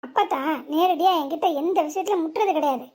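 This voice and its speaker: A woman voicing a quick-tempered, sharp-tongued young wife in a cartoon serial. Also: extremely high pitch. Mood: annoyed. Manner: bickering, sharp, quick retorts. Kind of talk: Tamil cartoon serial voice acting.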